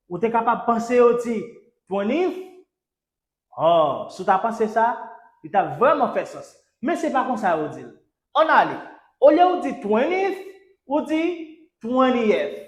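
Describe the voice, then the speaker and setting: A man's voice: very high voice, sing-song, moderate pace. A man with a Haitian accent teaching an English lesson. He drills each word by repeating it three times, spells out letters, and urges his class on with "let's go". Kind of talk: language lesson. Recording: echoey room.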